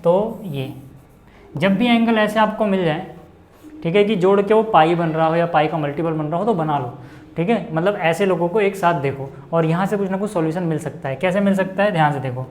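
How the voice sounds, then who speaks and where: A man teaching maths in a friendly, chatty way. He often checks in with "okay", repeats each step slowly and asks his students questions along the way. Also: sits high, a little hiss or hum. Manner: calls viewers brother in a friendly way. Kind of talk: blackboard lesson explanation.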